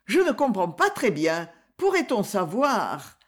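A woman voicing a fragile, nervous young society woman who is bright, eager and easily startled, in an audiobook reading. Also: medium pitch, wildly swooping pitch, measured pace.

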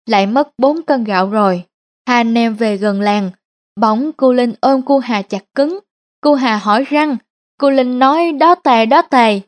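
A woman with a Central Vietnamese accent telling a comic folk story with lively rhythm. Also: sits high.

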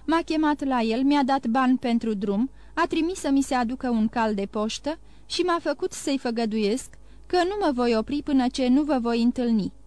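A woman's voice: high voice, a little mellow, no echo, natural voice. A woman reading an audiobook, voicing a dutiful male servant who speaks plainly and earnestly.

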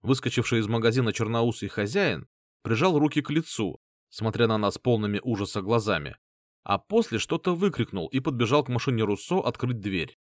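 Male narrator, scripted audiobook reading, animated, dry studio sound. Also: mid-range voice, fairly quick, no echo.

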